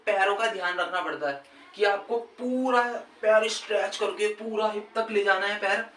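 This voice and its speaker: In a casual instructional vlog, a man with a high, sharp voice and normal pace shares cricket fitness tips, chatty and informal, often saying "brother" and checking "okay". The recording sounds echoey and distant, with faint background noise and a TV match playing faintly.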